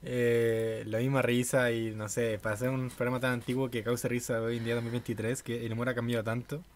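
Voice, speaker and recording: A man's voice: medium pitch, level tone, a little fast, slight background noise. A young man giving casual, enthusiastic, slangy reaction commentary. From Chile. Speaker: reaction video host.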